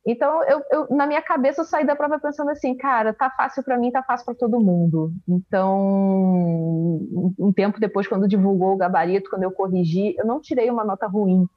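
A woman, a forensic expert and teacher, telling her story in an interview in a casual, animated way with many fillers. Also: mid-range voice, a little fast, dry recording, lo-fi sound. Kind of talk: interview answers, personal story.

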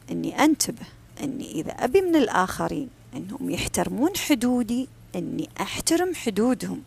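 A woman giving a calm, firm advice talk. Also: mid-range voice, vocal fry, slightly rough. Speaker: self-help speaker. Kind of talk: advice talk on personal boundaries.

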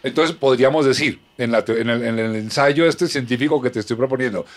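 A man's voice: medium pitch, fairly quick. A man hosting a podcast interview who presses his guests for a precise answer and works through the question analytically. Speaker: podcast host.

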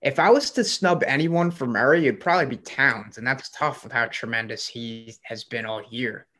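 A man's voice: medium pitch, moderate pace, pushed and bright. A man co-hosting a sports podcast, talking in an enthusiastic, rambling way with lots of fillers. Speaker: podcast co-host. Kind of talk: casual sports chat.

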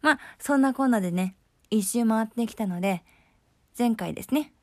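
A woman's voice: fairly high pitch, lively intonation, moderate pace, no room sound. Chatty young woman with Kansai accent. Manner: chatty, friendly, laughs easily. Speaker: host. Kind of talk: casual solo talk show.

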